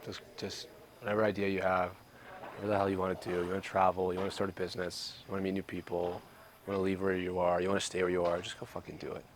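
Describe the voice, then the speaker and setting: A man's voice: low voice, monotone, quick pace, background noise. A man in his late twenties from Canada, talking casually and earnestly to the camera in a travel vlog. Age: 20s. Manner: earnest, reflective, upbeat. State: out of breath. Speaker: vlogger. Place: traveling abroad, outdoors and in.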